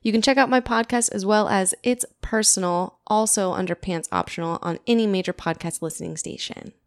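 A woman in her late twenties hosting a casual podcast, chatting in an animated way with lots of "like" fillers. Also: mid-range voice, a little fast. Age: 20s. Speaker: podcast host.

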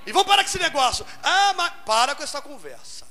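High, bright-voiced Brazilian preacher. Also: male voice, very fast, in a large hall. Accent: Brazilian Portuguese. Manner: animated, calls out to the congregation for amens. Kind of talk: sermon.

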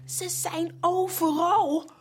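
A woman voicing a panicky young male servant who cries out in a high, breathless voice. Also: fairly even intonation, slow, soft background music.

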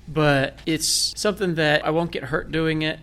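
Speaking with a Northern Michigan accent, this guest, a blind military veteran from Michigan in the United States, shares his story in a relaxed interview and pokes fun at himself. His voice is a little high, bright and forceful, and he keeps a steady tone at a normal pace.

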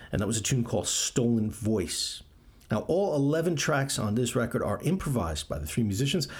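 Gravelly, lively-voiced male podcast host. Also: lowish voice. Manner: enthusiastic, chatty, with frequent ums. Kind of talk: casual music radio chat.

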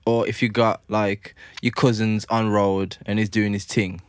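A man's voice: on the low side, flat delivery, a little slow, dry recording, studio quality. A man with a London roadman accent and slang, insistently making his case in a casual debate among friends.

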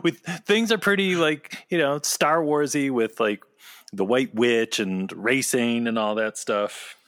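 Male podcast co-host, mid-pitched and bright, chatty conversational delivery. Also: a little slow. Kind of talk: casual chat, pop-culture discussion.

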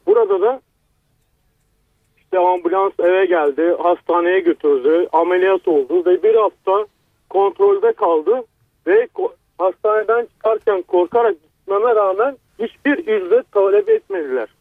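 A middle-aged man from Turkey calling in to a radio phone-in over a telephone line, telling a personal account in halting speech that restarts mid-sentence. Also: high-pitched, sing-song, gravelly, no echo. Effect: heard over a telephone line.

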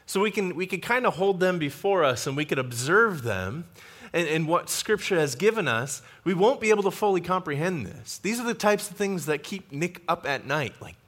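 A man, a pastor, preaching a sermon in a church sanctuary, teaching in an animated way with frequent restarts and asides. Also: high-pitched, normal speed.

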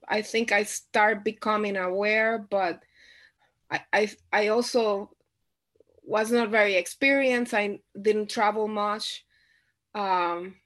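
A woman from Puerto Rico, a visual artist, answering interview questions haltingly with many pauses and restarts. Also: medium pitch.

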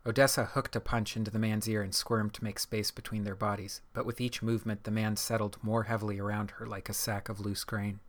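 Low, flat-voiced male narrator. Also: brisk, hardly any pauses. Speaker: audiobook narrator. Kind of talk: scripted narration.

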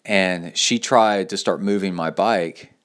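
A man's voice: deep voice, slow, fairly bright tone. A man hosting a podcast, telling stories and reading listener email in a loose, rambling, casual way. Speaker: podcast host. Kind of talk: casual solo podcast talk.

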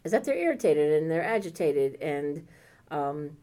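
This woman's voice is low and dark, with a sing-song lilt at normal speed. Co-hosting a podcast, she rambles casually and eagerly about a favorite book while trading recommendations.

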